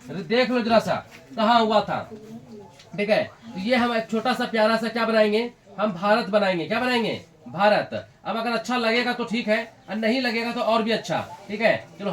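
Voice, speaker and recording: A man's voice: sits high, a bit bright. A young man teaching a classroom lesson, repeating points, quizzing students, scolding and joking with them. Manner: repetitive, drills students with questions. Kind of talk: classroom lecture.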